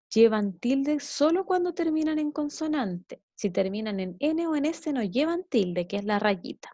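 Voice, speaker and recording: Chilean woman teacher, higher voice. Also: a little mellow, no room sound. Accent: Chilean Spanish. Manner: explanatory, frequent checking "¿ya?". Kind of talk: recorded classroom lesson.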